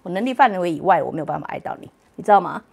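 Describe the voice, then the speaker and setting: A woman's voice: fairly low pitch, lively intonation, very fast, gravelly, slight background noise. Chatty woman answering questions at night. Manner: chatty and playful, laughs often, mixes in English words. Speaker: livestream host answering viewer questions. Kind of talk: casual late-night livestream Q&A.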